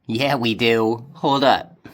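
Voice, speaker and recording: A man narrating a solo tabletop game in a relaxed, rambling way with many fillers. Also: medium pitch, slow pace.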